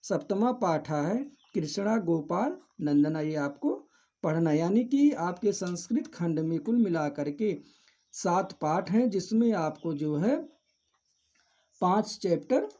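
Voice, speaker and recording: A male teacher with a high, animated, mellow voice goes through the syllabus at a measured pace, listing each chapter one by one. In this syllabus walkthrough lesson he addresses students directly, methodical, repetitive and instructive.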